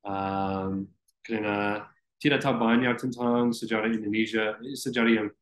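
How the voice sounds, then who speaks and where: A young American man, a native English speaker, answering interview questions haltingly in a second language with an American accent. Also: lowish voice, flat delivery. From Florida, United States. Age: young adult. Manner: halting second-language speech with frequent hesitations. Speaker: interview guest, student. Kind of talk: conversational interview. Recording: roomy, echoey sound.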